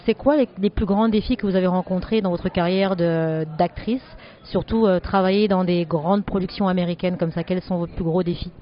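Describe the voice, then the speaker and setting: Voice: mid-range voice, steady tone, normal speed, muffled recording. An interviewer asking formal, polite questions.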